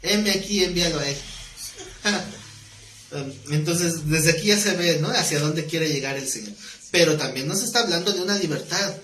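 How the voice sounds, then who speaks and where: A man leads a Bible study class in a somewhat higher voice, walking through each verse and quizzing his listeners as he goes. The room echoes noticeably around him, and a faint hiss sits underneath. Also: normal speed, a bit bright. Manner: explanatory, reads scripture aloud, asks the class questions. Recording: roomy echo with faint noise.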